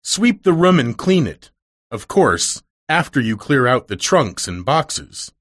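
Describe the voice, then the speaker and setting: During a storybook reading, a man voices a stern, severe, wealthy middle-aged woman who talks stiffly and dryly. He lifts his medium-pitched voice above its natural level, delivering the lines slowly in a fairly bright, exaggerated, very animated way.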